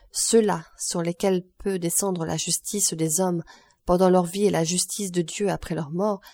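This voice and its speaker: A woman reading aloud gives voice to a cold, proud magistrate in a storybook, speaking sternly and with measured weight. Her tone stays low and mellow, close and dry. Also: no echo.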